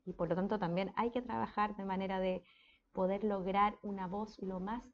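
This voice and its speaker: A woman's voice: mid-range voice, steady tone, moderate pace, dull audio, slight background noise. A woman with a Chilean accent giving a casual speech therapy lecture, often checking in with her students. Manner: conversational, checks in with frequent "¿ya?".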